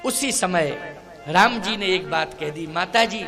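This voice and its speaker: A man's voice: high voice, animated, slow, vocal fry, long reverb tail, music in the background. A male spiritual preacher giving a devotional scripture discourse with emphatic rhetorical questions and chanted verses.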